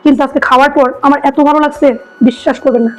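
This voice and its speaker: Hoarse, fast-talking woman food vlogger. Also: high-pitched, fairly even intonation, a little hiss or hum, rough recording. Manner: chatty, enthusiastic, repeats herself. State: hoarse from a cold. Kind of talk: casual food-tasting vlog.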